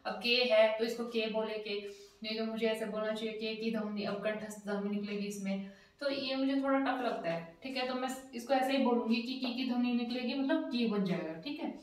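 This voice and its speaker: A woman teaching a casual spoken language lesson, spelling out letters slowly and repeating each word. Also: fairly high pitch, fairly even intonation, darkish tone, recorded from a distance, faint music behind. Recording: echoey room, voice a bit off-mic.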